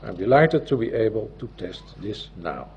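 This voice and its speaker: A man with a Dutch accent gives a formal presentation as a notary, speaking in a deliberate, halting way. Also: on the low side, expressive. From Netherlands. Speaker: civil law notary giving a presentation. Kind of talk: formal presentation, partly read from a script. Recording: dull, muffled audio with loud background noise.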